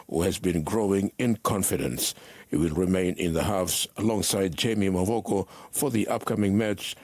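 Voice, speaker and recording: A man delivering a scripted sports report voice-over in a smooth, steady read. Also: low-pitched, no room sound.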